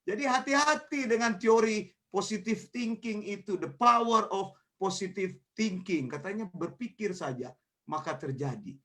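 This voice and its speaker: A man's voice: high voice, measured pace. A man preaching a sermon with storytelling and acting out voices in his anecdotes. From Indonesia. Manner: animated, acts out voices in anecdotes, rising to shouts. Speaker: pastor. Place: church meeting.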